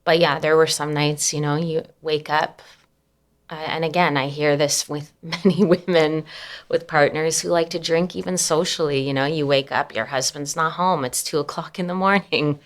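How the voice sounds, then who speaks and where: Low-pitched young woman, guest on an interview, soft and reflective, lots of um and like. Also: steady tone, moderate pace. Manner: soft-spoken and reflective, with frequent fillers and nervous laughs. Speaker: anonymous guest. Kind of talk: candid personal interview.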